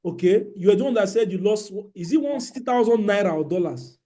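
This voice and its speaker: Nigerian male webinar host, high voice, lively and jokey, computer mic. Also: fast. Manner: animated, joking, exclamatory. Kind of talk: online class chat.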